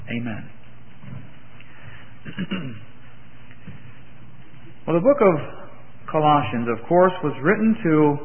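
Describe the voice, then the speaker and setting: Male preacher at a pulpit mic, easygoing delivery with false starts; thin, narrow sound in a reverberant hall. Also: fairly high pitch. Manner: relaxed, conversational, with some false starts. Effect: pulpit microphone through a church sound system. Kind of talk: sermon with bible reading and prayer. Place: church sanctuary. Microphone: pulpit microphone.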